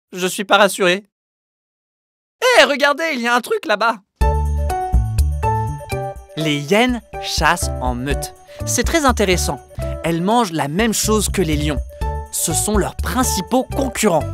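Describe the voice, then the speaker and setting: Playful woman host for kids, low-ish voice with a wide swing, music behind. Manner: playful, exclamatory, jokey asides to animals. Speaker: children's educational host. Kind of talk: lively presenting to children. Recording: music playing under the voice.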